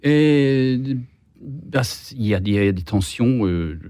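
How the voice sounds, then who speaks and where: A man's voice: mid-range voice, lively intonation, slow pace, mellow, clear, resonant tone, no echo, clean studio sound. A man with a Swedish accent speaking as a guest on a political debate panel, hesitant, stumbling over repeated words and restarts. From Sweden.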